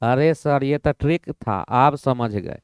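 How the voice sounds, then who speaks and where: A man's voice: medium pitch, slow pace, smooth, dry recording, clean studio sound, pitched below the performer's own voice, close to an everyday voice. A man doing an eager student. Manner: keeps thanking and praising the teacher. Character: eager respectful male student.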